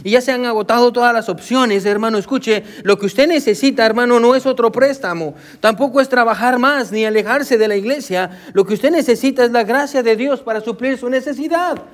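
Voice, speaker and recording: A man's voice: very high-pitched, a little fast, hardly any pauses. A male pastor preaching a sermon, with a preacher's cadence and frequent "amén" and "hermano" asides. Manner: code-switches with English "so".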